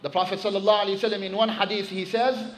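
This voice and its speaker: A man preaching a sermon to his congregation, telling a story with animated emphasis and quickly reciting Arabic phrases. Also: high voice, slight background noise, rough recording.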